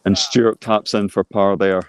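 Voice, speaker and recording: A man giving informal live golf commentary, explaining shots in a measured way and reacting briefly as they play out. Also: lowish voice, flat delivery, smooth.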